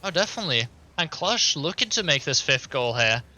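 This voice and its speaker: A man doing fast, excited play-by-play commentary as an esports caster. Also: a little high. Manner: quick, excited play-by-play, laughs easily.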